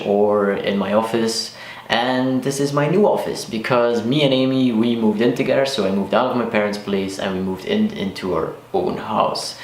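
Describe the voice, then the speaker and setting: A man's voice: lowish voice, a little hiss or hum. A man in his twenties from Flanders with a Flemish accent, Dutch as his first language, chatting casually to camera as a car vlogger with lots of likes and restarts. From Belgium, Flanders. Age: 20s. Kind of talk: casual vlog talk to camera. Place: sparsely furnished room in a new house. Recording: echoey bare room.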